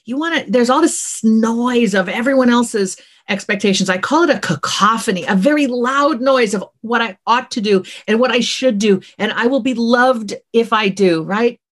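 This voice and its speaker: Animated middle-aged woman giving advice. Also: fairly high pitch, moderate pace, few pauses. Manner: animated, acts out quoted voices, says okay often. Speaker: author and former dean, guest. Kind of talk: conversational interview answers.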